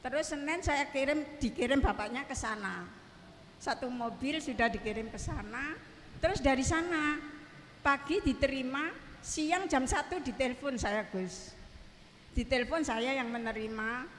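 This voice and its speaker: High-voiced Javanese woman in an echoey hall. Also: slight background noise. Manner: halting, repeatedly addresses him as Gus. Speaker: audience member asking a question. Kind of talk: telling a personal story to a cleric.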